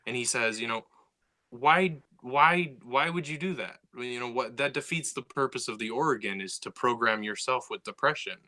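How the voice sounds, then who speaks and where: In relaxed podcast conversation, the co-host speaks at normal speed with a medium pitch and a bright, forward sound. Animated and eager, he often backtracks and repeats words because his thoughts move faster than his speech.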